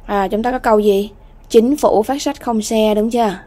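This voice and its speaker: Woman, English exam-prep teacher, warm mellow tone, repeats words slowly, checks in with students. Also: fairly high pitch. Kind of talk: exam-prep lesson walkthrough.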